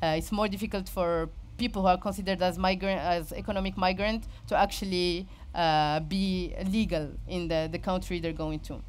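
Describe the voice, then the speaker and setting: A woman's voice: on the low side, steady tone. Woman, Moroccan accent, informal presenter; hesitant delivery that keeps circling back to find the right word. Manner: halting, searching for words, frequent repetition. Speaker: speaker giving a talk.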